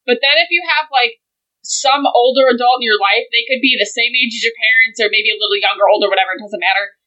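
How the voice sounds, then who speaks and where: A woman's voice: fairly high pitch, fairly even intonation, fast, bright, forceful tone, muffled recording. A woman in her twenties on a casual podcast, talking bluntly and emphatically and swearing casually. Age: 20s.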